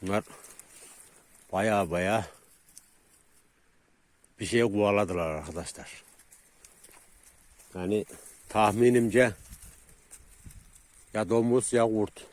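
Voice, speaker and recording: Hushed man outdoors. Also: slow pace, long pauses, no echo. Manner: talks low and hushed while tracking, then loud and high calling to his dogs. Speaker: vlogger. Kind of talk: casual outdoor vlog. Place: outdoors in countryside and at a farm.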